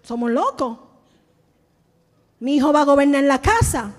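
Woman pastor, sermon, very high voice, animated, acts out voices, long church-hall reverb. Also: measured pace, faint music behind.

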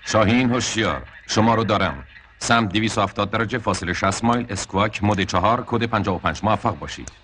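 An actor playing a radar controller who reads out headings in steady, procedural radio talk. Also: male voice, on the low side, noisy background, close to an everyday voice. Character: calm male radar controller guiding jets.

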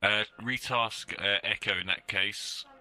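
Male military game commander, low and very sharp voice, hesitant radio reports. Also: unhurried, low-quality recording. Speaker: player acting as platoon commander.

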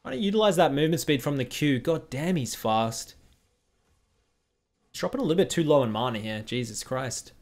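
A young streamer commentates a game replay casually and bluntly, throwing in quick critical asides. His voice is a little high with lively intonation, and it sounds close and direct, like a headset in a small room at home.

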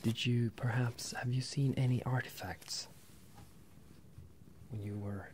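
A soft, breathy whisper and low murmur come from a twenty-something man acting as a bemused, apologetic wizard professor speaking to a student. He stays steady in tone while pausing hesitantly through the ASMR roleplay. Close stereo mics set ear to ear capture slight background noise.

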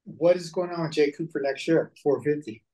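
A man with a husky voice co-hosting a podcast, throwing out quick, short questions. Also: fairly high pitch, dark tone. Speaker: podcast co-host. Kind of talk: casual podcast chat.

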